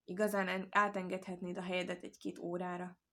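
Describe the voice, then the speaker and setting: A woman's voice: on the low side, monotone, vocal fry, sharp tone, exaggerated voice. A woman voicing a greedy, gullible male wolf in a storybook tale, speaking in an eager, persuasive way.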